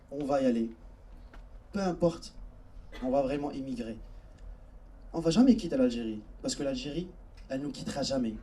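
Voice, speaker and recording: On a theatre stage, a young man from Algeria works through a chatty stand-up set, telling stories and addressing the crowd directly. His pitch leans high and his tone is dark, captured on a distant microphone.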